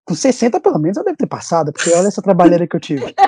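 A man's voice: sits high, big pitch swings, rapid-fire, dark tone, breathy edge, dry recording, studio quality. A young man with a Brazilian accent, telling a story animatedly in a casual chat with lots of restarts, from home over a video call. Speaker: recent graduate guest. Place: at home at his desk.

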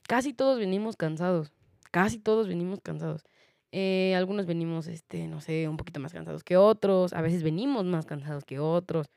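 A woman's voice: fairly low pitch, creaky, a little mellow, dry recording, clean studio sound. A young woman with a Mexican accent telling a personal story in a chatty way, often laughing and using many fillers. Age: young adult. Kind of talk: casual storytelling monologue.

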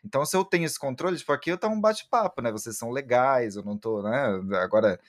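A man chatting as an interview guest, talking in halting bursts with many restarts and describing himself as shy. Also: mid-range voice, lively intonation. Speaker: interview guest, book content creator. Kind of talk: casual interview chat.

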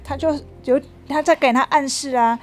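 A mother reading a picture book aloud to her child, lively and stopping to ask questions. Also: high-pitched, moderate pace.

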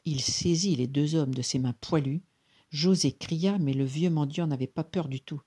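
Husky-voiced narrator for a read-aloud folk tale, gentle and even. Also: medium pitch, moderate pace. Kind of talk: storybook reading aloud.

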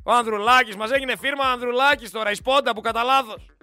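Guy doing an angry talk radio rant, really high voice, music going underneath. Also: fairly even intonation. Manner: ranting, scolding, shouting at politicians; reads listener messages aloud. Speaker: radio show host. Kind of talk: angry political radio monologue.

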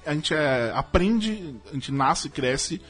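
A man's voice: fairly high pitch, lively intonation, slow, fairly bright tone, husky. A man hosting a casual group conversation, rambling with restarts and laughing easily. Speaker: podcast host.

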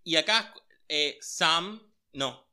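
Sassy bright-voiced man. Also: on the high side, smooth. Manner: sassy, animated, quick retellings with exaggerated put-on quotes. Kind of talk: casual chat recapping a series.

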